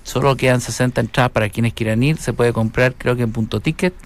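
Chilean guy cracking jokes on a radio show, kinda gravelly voice. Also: mid-range voice, steady tone, a little fast. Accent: Chilean Spanish. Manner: playful, joking, breaks into loud mock shouts. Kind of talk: casual comedic radio chat.

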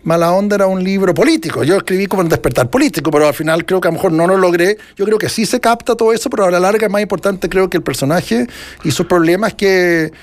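A middle-aged man with a Chilean accent talks about his own writing. His voice sits high, and he rambles reflectively, with many fillers and restarts. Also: fast. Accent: Chilean Spanish. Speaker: author being interviewed. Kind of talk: casual interview conversation.

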